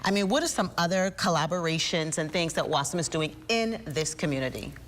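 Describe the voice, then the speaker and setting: A woman's voice: low voice, expressive, a little fast, fairly bright tone. A woman interviewer asking questions in a chatty, informal way. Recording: roomy hall echo, faint background noise.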